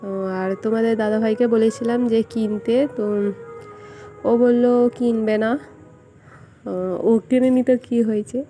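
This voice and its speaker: A young woman talks through her home vlog in a hushed, casual way so she won't wake her son. Her voice sits a little high and stays fairly level. Music from nearby comes through clearly behind her. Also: level tone, normal speed, long pauses. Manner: speaking softly so her sleeping son stays asleep. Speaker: vlogger. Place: at home indoors. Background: fair music playing nearby.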